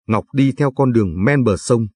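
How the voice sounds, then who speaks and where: Husky male audiobook narrator. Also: mid-range voice, normal speed, no room sound. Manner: steady, descriptive storytelling. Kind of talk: scripted literary narration. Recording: dry studio read, faint music.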